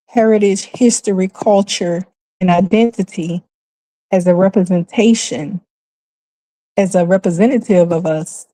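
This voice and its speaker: A woman's voice: on the low side, mellow, no room sound, poor audio. A woman talking through a casual monologue, emphatic and repeating phrases to drive points home. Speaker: commentary vlogger.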